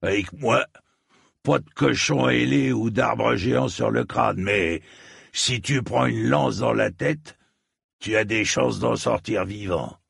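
A man voicing a stocky, bearded armorer who talks bluntly and gruffly. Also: medium pitch, slow, a bit bright, no echo, studio quality, pitched above the performer's own voice, heavily acted. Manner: gruff, blunt, matter-of-fact.

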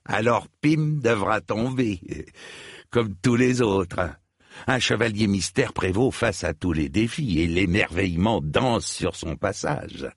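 A man's voice: lowish voice, takes it slowly, creaky, no echo, clean studio sound, heavily acted. A man voicing a whimsical young fiddler in a storybook reading, speaking in an airy, theatrical, dreamy way. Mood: grandiose.

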